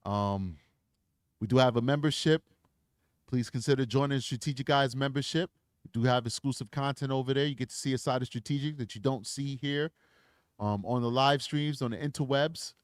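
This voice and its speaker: A man's voice: medium pitch, fairly quick, clear, resonant tone, no room sound, clean studio sound. A man hosting a true crime livestream, preaching with emphasis and then chatting casually through his plugs on a desk microphone. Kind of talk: impassioned livestream outro.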